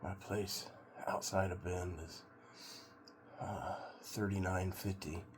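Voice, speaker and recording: A middle-aged American man from Oregon rambling casually to a vlog in a laid-back, halting, musing way. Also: low-pitched, fairly even intonation. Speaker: vlogger doing a cold plunge challenge. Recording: clear background noise of water.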